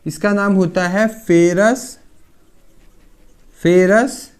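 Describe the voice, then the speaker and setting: A pharmacy lecturer gives a casual classroom lecture on chemistry, his voice a little high for a man and his pace extremely slow. He explains step by step, asks questions and answers them himself, and keeps checking in by saying "theek hai."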